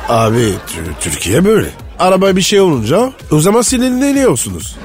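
Male actor voicing a gullible foreigner with broken Turkish; high, lively pitch. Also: faint music behind. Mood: eager. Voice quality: foreign accent, halting Turkish. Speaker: comedy radio sidekick.

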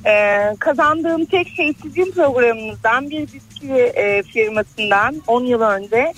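A woman's voice: a little high, expressive, takes it slowly, fairly bright tone, soft background music, rough recording. A woman calling in to a radio show over a landline phone, chatting and laughing easily. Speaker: radio call-in listener. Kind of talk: casual chat on a call-in show.

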